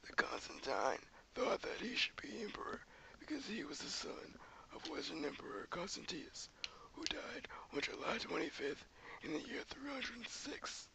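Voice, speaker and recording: A man's voice: high-pitched, big pitch swings, moderate pace, pushed and bright, full character voice, poor audio. A young man putting on the voice of a rambling old man who says he lived through ancient history, presenting a school project. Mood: reminiscing. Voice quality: creaky whispery old-man voice. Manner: wandering, folksy storytelling.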